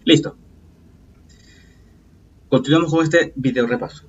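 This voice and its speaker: Patient and a little slow, a husky-voiced man at mid pitch teaches a recorded review session, frequently checking on his students. The audio is dull and lo-fi, and he sits some distance from the microphone.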